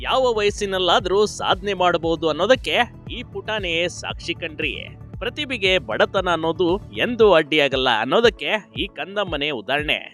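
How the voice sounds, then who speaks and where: A man's voice: sits high, expressive, moderate pace, a bit bright. A man reading a scripted news voice-over with emphatic, dramatic delivery and folksy asides to the viewer. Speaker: news narrator. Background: faint music.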